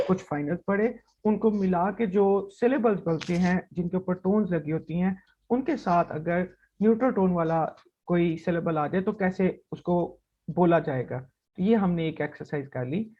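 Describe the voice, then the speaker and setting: A man's voice: high voice, normal speed, warm tone, muffled recording. A man teaching a language lesson, explaining rules patiently and sounding out vowels one at a time.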